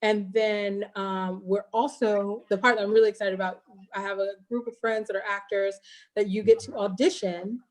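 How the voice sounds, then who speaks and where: A woman's voice: medium pitch, steady tone, normal speed, darkish tone. Woman, interview guest, earnest and heartfelt, mid-range voice, talking over a video call. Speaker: guest filmmaker and teacher. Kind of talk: casual interview chat.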